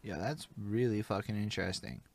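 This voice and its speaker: A man's voice: fairly low pitch, brisk, creaky, darkish tone, dry recording. A man from Montreal hosting a casual interview, talking in an enthusiastic and conversational way. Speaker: podcast host.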